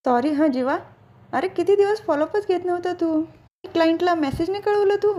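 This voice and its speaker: Meddling taunting aunt read by a woman, high and mellow. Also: fairly quick. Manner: taunting, nosy. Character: meddling older aunt, sharp-tongued and taunting.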